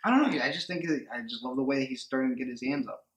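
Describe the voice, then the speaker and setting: A man with a Mexican-American English accent co-hosting a casual sports radio show from home, chatty, excitable and joking. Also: mid-range voice, fast talker. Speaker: co-host. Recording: echoey room.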